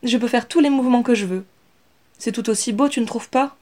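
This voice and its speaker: A woman voicing Inès, a young female rat who speaks calmly and with assurance. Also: on the high side, brisk, voice pushed up, close to an everyday voice. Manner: calm, steady.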